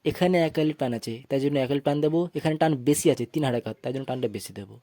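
A man teaching Quran reading, slowly spelling out syllables and chanting short recited phrases in a patient classroom manner. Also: medium pitch, warm tone, no echo, studio quality. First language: Bengali. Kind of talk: tajweed lesson, spelling out and reciting verses.

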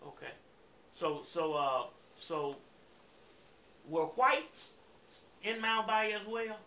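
A man's voice: high voice, expressive, slow, pushed and bright. A man asking casual questions as an interviewer in a living room. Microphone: camera in the room. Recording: echoey room, faint noise.

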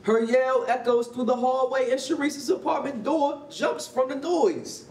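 Reading scripted stage directions as the narrator of a staged reading, an American man speaks a little slowly in a very high-pitched voice with a darkish tone. The concrete rehearsal hall sounds roomy through a distant mic, with faint noise.

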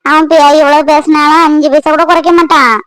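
A proud, gossipy cartoon shopper, voiced by a woman, argues indignantly in a very high voice. She boasts about her bargains. The sound is dry and close. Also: level tone, brisk, a bit bright, no room sound. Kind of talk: cartoon voice acting.

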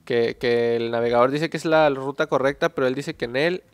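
A man's voice: medium pitch, brisk, smooth, no echo. A man with a Mexican accent giving casual, joking gameplay commentary, full of slang, reading the game text aloud. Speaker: gaming youtuber.

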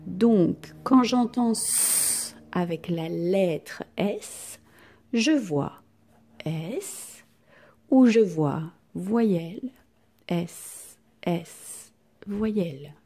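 Teacher, female, recorded home lesson for children: slow, mellow, slightly husky delivery, sounds drawn out. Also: lowish voice, animated. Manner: slow, clearly articulated, stretches out sounds. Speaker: primary school teacher. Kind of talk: recorded reading lesson for young pupils.

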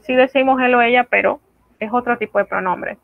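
A woman French teacher giving an online lesson, explaining phrases carefully and repeating each one slowly for practice. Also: on the high side, gravelly, dry recording. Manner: slow, careful drilling of phrases with repetition. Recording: dry, phone-like narrow sound.

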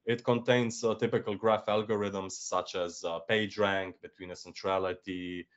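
A man's voice: low-pitched, level tone, moderate pace. A young man with a Croatian accent, explaining technical topics on a video call with many uh fillers. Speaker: developer relations engineer. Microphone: headset on video call. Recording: dull lo-fi call audio.

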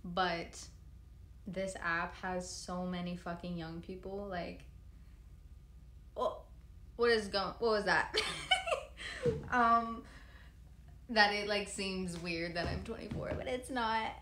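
A woman's voice: medium pitch, steady tone, slow pace, pauses often, fairly bright tone, reverberant, a little hiss or hum. A woman in her twenties hosting a casual livestream, answering comments in a laid-back, chatty way with frequent swearing, recorded on a phone at arm's length in a plain room. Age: 20s. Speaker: livestream host. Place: large plain room indoors. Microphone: phone camera at arm's length.

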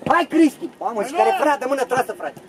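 A man playing amateur football, urgently shouting instructions and calling teammates by name. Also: extremely high pitch, very animated. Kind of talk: shouting on the pitch during a match. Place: outdoor football pitch. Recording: loud crowd and outdoor noise.

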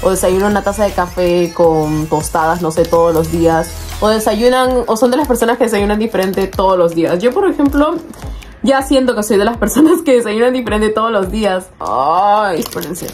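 A young woman chatting casually as she unboxes toys, excitable, often squealing over cute little figures. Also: mid-range voice, moderate pace, faint music behind. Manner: chatty, uses many diminutives. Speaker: toy collector vlogger.

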